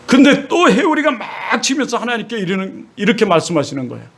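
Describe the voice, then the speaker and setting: Male pastor, middle-aged, high voice, emotional sermon delivery, swings between quiet and loud. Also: sing-song, fairly quick. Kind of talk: sermon with personal testimony.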